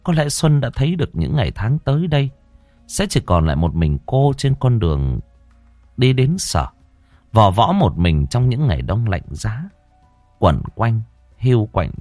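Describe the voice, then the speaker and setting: A man's voice: lowish voice, dry recording. A man narrating a scripted audiobook in a solemn, dramatic storytelling manner. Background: soft background music.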